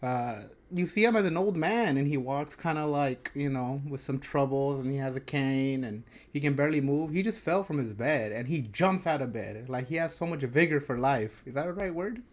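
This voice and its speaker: A man's voice: medium pitch, normal speed, few pauses. A man hosting a reaction video, talking casually and peppering his speech with "like". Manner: chatty, many "like" fillers. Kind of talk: casual chat.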